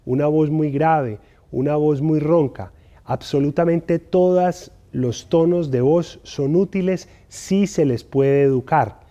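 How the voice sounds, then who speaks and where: Measured man lecturing, dull lo-fi audio. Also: mid-range voice, warm tone. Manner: measured, with frequent "eh" and "digamos"; addresses the listener directly with advice. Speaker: instructor. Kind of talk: recorded lecture.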